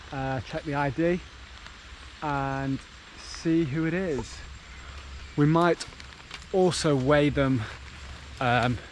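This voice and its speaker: A man with a fairly high voice narrates a casual travel vlog, with a little hiss or hum on the recording. A vlogger who works in sloth conservation, he explains his work with light humor, partly outdoors in rainforest and countryside.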